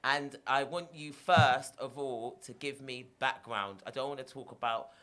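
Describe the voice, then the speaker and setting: A man hosts a casual radio podcast and steers his guest with leading questions. His voice is bright and forceful, and his speech is clear. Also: medium pitch, a little slow. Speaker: host. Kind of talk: casual interview.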